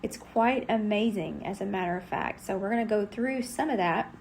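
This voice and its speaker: Gravelly-voiced woman teaching scripture. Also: mid-range voice, normal speed, darkish tone, slight background noise. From Texas. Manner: earnest, conversational, with fillers. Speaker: Bible teacher. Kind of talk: devotional teaching.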